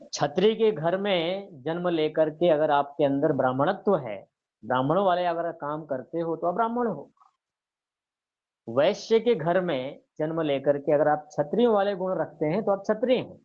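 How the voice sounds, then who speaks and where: A man teaching a scripture lesson, reciting verses slowly and putting rhetorical questions to his listeners. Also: a little high, phone-quality sound. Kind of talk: explanatory religious lecture.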